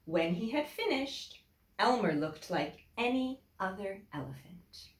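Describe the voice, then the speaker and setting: In a room with noticeable echo, a teacher with a mid-range female voice performs a children's picture book aloud, delivering it deliberately and expressively with strong emphasis for her young audience.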